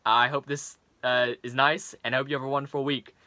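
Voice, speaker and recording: Bright-voiced young man introducing his performance. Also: mid-range voice, little pitch movement, brisk, no room sound. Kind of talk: spoken introduction and sign-off to a performance. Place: small bedroom, indoors.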